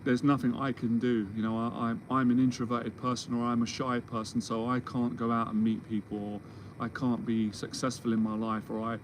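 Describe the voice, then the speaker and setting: Casting: man, 40s, mentor type, rambling reassuring monologue, mid pitch, audible background noise. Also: flat delivery, fairly quick, low-quality recording. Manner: rambling, restarts often, reassuring. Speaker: confidence mentor. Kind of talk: solo Q&A monologue. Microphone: livestream or video call setup.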